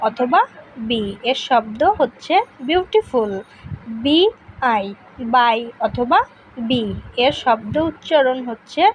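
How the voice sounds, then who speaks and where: A woman teaching a pronunciation lesson, reading out letter pairs and example words one by one in a slow, deliberate way. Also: on the high side, a little hiss or hum, low-quality recording.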